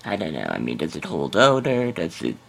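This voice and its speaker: A man's voice: sits low, wildly swooping pitch, a little fast, creaky, heavily acted. A man voicing a chatty, skeptical female customer on a prank phone call, hesitant and exclamatory. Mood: skeptical, probing. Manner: hesitant, exclamatory, calls the listener honey.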